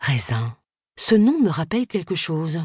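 A woman voicing a confident, flattering male hairdresser in an audiobook, in a lowered, self-assured voice. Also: unhurried, slightly rough, no room sound, studio quality, exaggerated voice. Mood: smooth.

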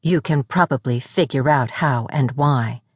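A woman narrator voicing a calm, commanding female security director who speaks in a measured way. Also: a bass voice, husky, no room sound, studio quality, pitched below the performer's own voice, full character voice.

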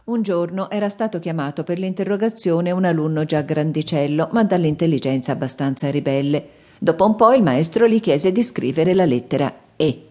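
A woman narrating a children's audiobook with clear, expressive reading. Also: low voice, normal speed.

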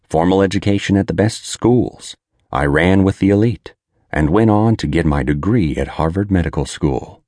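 A man narrates an audiobook in the first person, his voice extremely deep. He moves at an unhurried, heavy pace with a bitter, world-weary confessional tone. The recording is close and dry, with no room sound. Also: darkish tone, dry recording.

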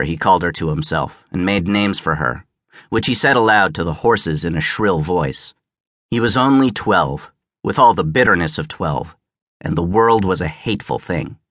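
A man narrating an audiobook as scripted narration, measured and even, on a close studio mic. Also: fairly low pitch, no echo.

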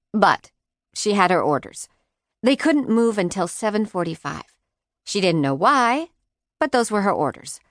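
A woman's voice: mid-range voice, no echo. A woman narrating an audiobook on a close studio mic, with a wry, sardonic delivery of a profane teenage point of view. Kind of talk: scripted narration.

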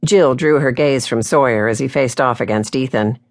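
A woman's voice: a bass voice, moderate pace. Woman narrating a romance audiobook.

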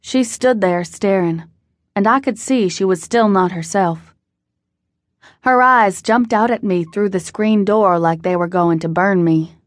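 A woman narrates an audiobook in a steady, measured first-person voice. Her pitch sits in the middle, and the studio sound is close and dry with no room echo. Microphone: close studio mic.

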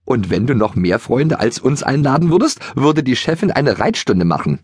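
A man's voice: medium pitch, very animated, normal speed, a little mellow, slightly rough, dry recording, studio quality, pitched above the performer's own voice. A man voicing a small, spotted, cheerful pony who teases his friend playfully. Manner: giggling, playful.

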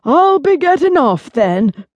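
A woman's voice: sits high, sing-song, slow, dry recording, highs cut off, voice pushed up, heavily acted. A woman voicing a portly, out-of-breath village postman in a children's audiobook. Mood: fretful. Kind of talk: audiobook character voice.

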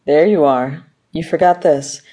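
Cocky male tycoon, a woman reading him, low mellow voice, bossy and self-assured. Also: unhurried, slightly rough. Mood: smug. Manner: smug, commanding. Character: arrogant wealthy male company owner.

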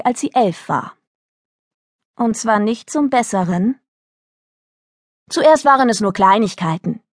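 A woman narrating a children's book in a lively storytelling manner, recorded close to a studio mic. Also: medium pitch, no room sound. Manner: lively storytelling, voicing characters. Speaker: audiobook narrator.

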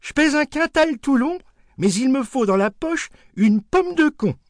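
A man's voice: very high voice, lively intonation, a little slow, dry recording, clean studio sound, voice pushed up, full character voice. A man voicing an old, hard-of-hearing peasant grandmother who speaks innocently, in a storybook reading. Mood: proud. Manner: innocent, guileless.

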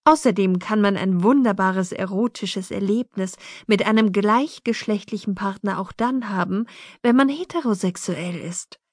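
A woman's voice: medium pitch, moderate pace, dry recording, studio quality, natural voice. Woman reading as a breezy, unembarrassed mother. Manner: breezy and matter-of-fact. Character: frank free-spirited mother, therapist, unembarrassed.

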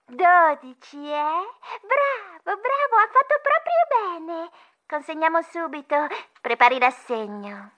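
A man doing a shrill pushy mouse saleswoman. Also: sing-song, slow pace, pushed and bright, highs cut off, heavily acted. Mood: wheedling. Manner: wheedling, confiding sales patter. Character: pushy chatty female mouse saleswoman on the phone. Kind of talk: storybook audiobook acting.

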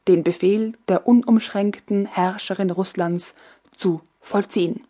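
A woman narrating an audiobook in a measured, dramatic storytelling manner. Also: medium pitch, mellow. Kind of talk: scripted narration.

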